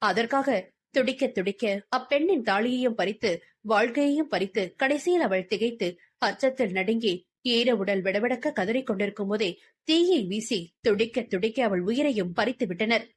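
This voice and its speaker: A woman's voice: on the high side, normal speed, slightly rough. A woman reading a novel aloud as an audiobook narrator with dramatic storytelling.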